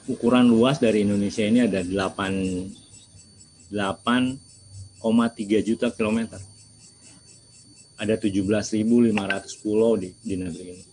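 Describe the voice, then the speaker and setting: A man's voice: fairly low pitch, fairly even intonation, normal speed, long pauses, darkish tone, slight background noise, poor audio. A man giving a lecture to students, asking rhetorical questions and answering them himself. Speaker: seminar speaker.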